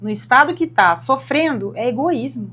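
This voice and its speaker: A young woman co-hosting a podcast, chatting casually and earnestly, getting animated as she tells personal stories. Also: sits high, normal speed, a little hiss or hum. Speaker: podcast co-host. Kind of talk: casual chat.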